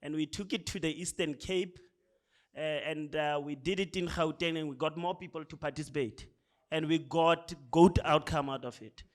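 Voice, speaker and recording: A man's voice: fairly high pitch, steady tone, normal speed. A man with a South African accent giving a conversational speech at a programme launch, often tagging his lines with "right?". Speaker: speaker.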